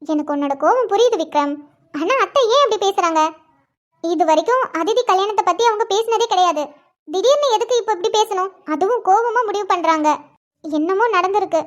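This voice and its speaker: Super high-pitched cartoon sister-in-law, calm and soothing. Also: female voice, brisk. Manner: soothing, reassuring. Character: young woman, calm caring sister-in-law. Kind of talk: cartoon voice acting.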